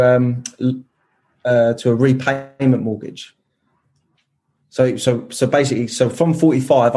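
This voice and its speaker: Chatting casually on a podcast, a guest in his thirties eagerly explains what he plans to do. His voice sits at medium pitch with a touch of mellowness, and his speech is full of restarts and fillers.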